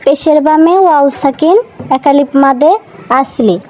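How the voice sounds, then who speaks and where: A woman teaching Quran reading to children in a slow, patient lesson, spelling out each letter and vowel mark, then repeating the syllable. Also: sits high, darkish tone, low-quality recording. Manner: asks the listeners questions and answers them herself.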